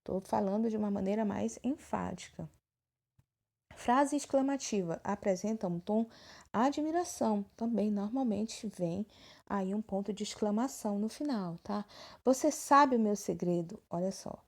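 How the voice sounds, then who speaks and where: A woman with a Brazilian Portuguese accent explains grammar in a recorded lesson, recorded on a phone. Her voice sits at a middling pitch with a dark, mellow tone. She keeps checking in with her students as she goes. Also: normal speed, gravelly. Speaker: teacher. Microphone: phone screen recording.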